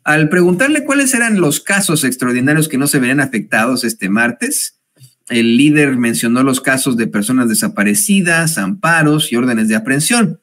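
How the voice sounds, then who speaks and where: A man's voice: mid-range voice, expressive, normal speed, fairly bright tone. A man with a Mexican accent hosting a commentary show, reading news aloud with sarcastic, chatty asides and frequent hesitations. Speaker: host.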